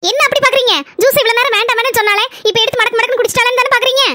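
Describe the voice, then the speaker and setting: A woman voicing a proud, defiant young woman in a cartoon comedy, firing off sharp retorts in Kanyakumari Tamil. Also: very high-pitched, steady tone, very fast, no room sound.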